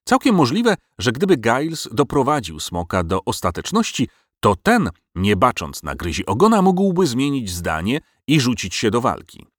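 A man narrating a storybook in an expressive, measured way. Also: mid-range voice, no echo, studio quality.

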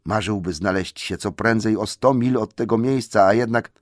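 A man narrating a storybook with a lively, expressive delivery. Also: on the low side, normal speed, no room sound, clean studio sound. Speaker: audiobook narrator.

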